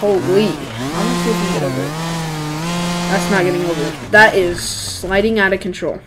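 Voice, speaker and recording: A woman giving casual, excitable, slang-heavy commentary while playing a game, talking into a headset. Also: on the low side, heavy background noise. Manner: excitable, slangy, quick exclamations. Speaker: gaming channel host. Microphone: gaming headset.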